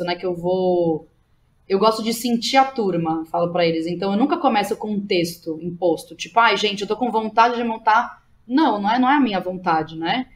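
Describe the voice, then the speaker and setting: A mid-pitched woman with a Brazilian accent appears as a guest in a casual, animated interview. A playwright, director and drama teacher, she talks informally, full of slang and little tags to make sure the listener is following.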